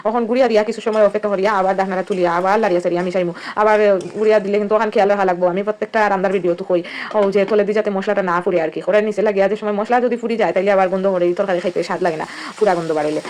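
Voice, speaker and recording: Fast-talking woman with a Sylheti accent. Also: medium pitch, fairly even intonation, darkish tone, a little hiss or hum. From Sylhet, Bangladesh. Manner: chatty, explains each step as she cooks. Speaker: cooking vlogger. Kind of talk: casual cooking narration.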